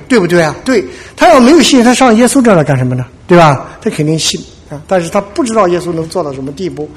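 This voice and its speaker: Husky, lively-voiced man preaching. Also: a little high. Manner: folksy storytelling, frequent "对吧" asides, acts out quotes. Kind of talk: conversational sermon.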